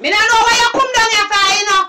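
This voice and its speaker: A Jamaican actress playing a nagging, demanding girlfriend, scolding and shouting in a sing-song patois. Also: very high voice, steady tone, quick pace. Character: nagging, demanding young woman, sharp-tongued girlfriend. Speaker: actress in a low-budget film. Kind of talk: Jamaican film acting in patois. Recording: distant mic with faint noise.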